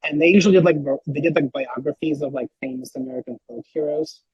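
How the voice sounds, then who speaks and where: A man talking as a podcast guest, rambling and animated, with lots of filler words and a husky voice. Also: fairly high pitch, fast talker, no echo, highs cut off. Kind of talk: casual podcast chat.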